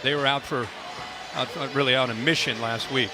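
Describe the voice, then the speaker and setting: A man's voice: mid-range voice, steady tone, normal speed. A man giving live sports commentary as an analyst. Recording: very loud background noise.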